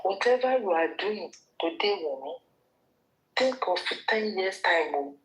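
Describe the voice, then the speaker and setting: A woman's voice: mid-range voice, lively intonation, unhurried, poor audio. A woman with a Nigerian accent giving an opinion commentary vlog, scolding the person she talks about and addressing her directly. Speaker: gossip commentator.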